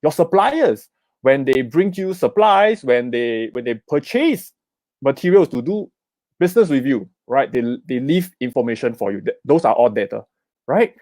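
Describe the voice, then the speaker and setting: At an online summit, a middle-aged investment speaker with a Singaporean accent gives a live seminar talk, very animated at a moderate pace, in a medium-pitched, darkish voice. He frequently asks "okay?" and "right?" and encourages comments from viewers. There is no room sound.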